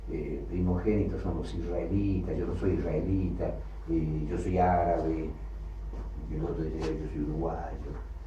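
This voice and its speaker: A low, very dark-toned male preacher delivers a sermon, repeating key phrases and swelling into emphasis. He sounds distant from the mic in a roomy hall. The recording is dull and lo-fi with a faint hiss. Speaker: Bible teacher.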